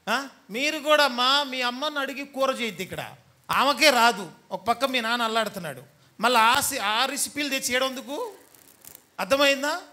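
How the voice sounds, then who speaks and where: High, bright-voiced pastor preaching. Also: male voice. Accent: Telugu. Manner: teasing, scolding preacher who mimics the people he talks about. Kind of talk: sermon.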